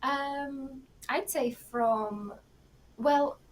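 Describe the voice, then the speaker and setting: A woman in her thirties with a Czech accent, chatting as an interview guest, warm and giggly with many pauses and fillers. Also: high-pitched, a crowd in the background, rough recording. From Czech Republic. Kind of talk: casual interview talk.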